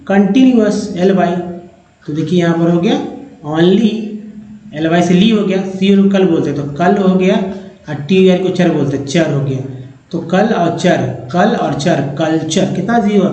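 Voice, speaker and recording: A man teaching English reading, going through a slide part by part, slowly repeating each sound and word and calling his viewers friends. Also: a little high, mellow. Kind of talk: slide-based phonics lesson. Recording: echoey dull-sounding room recording.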